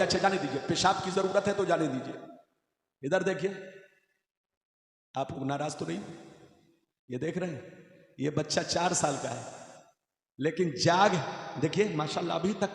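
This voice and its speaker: A man's voice: high voice, vocal fry. A man preaching a fiery sermon to a crowd, chanting lines and calling on listeners to respond, with an Indian Hindi-Urdu accent. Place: large gathering with sound system. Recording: echoey hall, loud PA.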